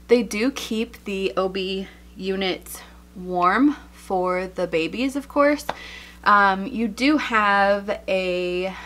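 A woman's voice: mid-range voice, a bit bright. A young woman vlogger, a little out of breath, chatting casually as she shows items, with frequent fillers and small laughs. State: slightly out of breath. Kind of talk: casual chat showing items.

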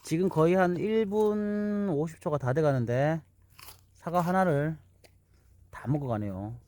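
A man's voice: on the high side, measured pace, a little mellow. Man narrating a casual pet vlog. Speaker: vlogger filming own dog. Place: outdoors in an apple orchard.

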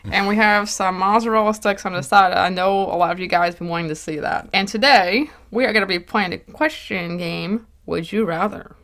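A woman's voice: mid-range voice, normal speed, a bit bright. A woman hosting a casual eating show, chatting with a laugh and stumbling over her words now and then. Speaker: mukbang host. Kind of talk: casual chat while eating.

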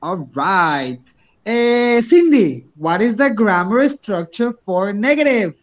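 Very high-voiced male teacher. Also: very animated, slow. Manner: encouraging, switches between English and Spanish. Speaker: English teacher. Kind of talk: online class instruction.

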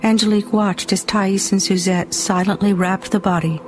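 Female audiobook narrator, expressive dramatic read, medium pitch. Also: normal speed, soft background music.

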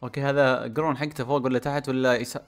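A man hosting a gaming channel, talking in casual commentary that swings from mumbled guesses to loud outbursts. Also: medium pitch, steady tone, rapid-fire, soft background music.

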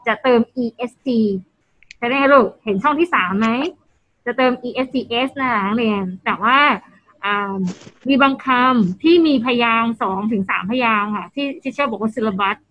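A woman's voice: on the high side, normal speed, lo-fi sound. A woman teacher explaining patiently on a video call and prompting her students to answer. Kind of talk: online class teaching.

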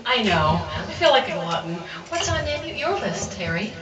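A woman playing a prim, soft-spoken radio co-host in a live pub comedy sketch, speaking into a handheld mic. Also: mid-range voice, sing-song, moderate pace, lightly acted. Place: crowded pub. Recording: echoey pub, far mic, crowd noise.

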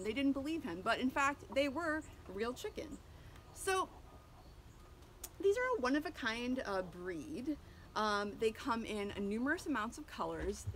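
Recorded up close on camera with a touch of hiss or hum, this homesteader in her thirties sounds very animated, her voice on the high side and a bit bright at a moderate pace. She chats informally about her chickens by their coop outdoors for an educational vlog, often saying um and starting over.

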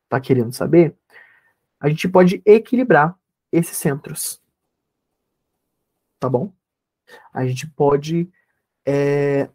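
A man teaches an online workshop over a video call, then leads a guided meditation. He speaks unhurriedly in a dark, mellow voice. His instructions are calm and repetitive, with a therapist's steady focus. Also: fairly high pitch. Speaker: therapist leading an energy workshop.

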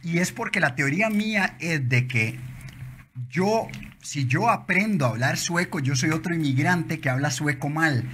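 A man in his forties from Costa Rica with a Costa Rican accent, a guest telling his story in a casual interview with impulsive, animated storytelling and frequent restarts, in an office lounge. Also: on the high side, normal speed, a little hiss or hum. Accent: Costa Rican Spanish. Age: 40s. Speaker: guest entrepreneur. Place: office lounge studio, indoors.

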